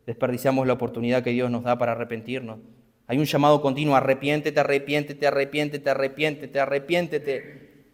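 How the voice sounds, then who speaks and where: An earnest man preaching to his congregation, his mid-pitched voice carrying through a church hall. He presses his questions by repeating them, and a long reverb trails each phrase. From Argentina. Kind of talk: sermon.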